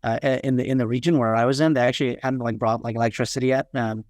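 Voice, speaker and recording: Man from Nepal in his thirties, clear resonant voice, dry close sound, hesitant guest telling his story. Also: medium pitch, steady tone, a little mellow, dry recording. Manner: halting, many fillers and restarts. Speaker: podcast guest. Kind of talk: casual interview chat.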